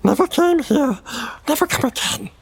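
Gollum, a whining, creaky creature. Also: female voice, animated, normal speed. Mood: pleading. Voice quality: creaky, hissing whisper. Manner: whimpering, wildly swooping pitch. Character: wretched hungry creature, fawning and fearful. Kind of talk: audiobook character voice.

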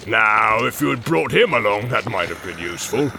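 A man's voice: on the low side, big pitch swings, moderate pace, creaky, background noise. A man voicing a brutal, bossy male orc captain who barks and mocks. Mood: mocking. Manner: barking, mocking, commanding.

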